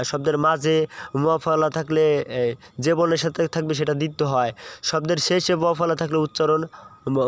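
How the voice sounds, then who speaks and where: A young man teaching a pronunciation lesson, explaining step by step, repeating points and asking his students questions. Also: fairly high pitch.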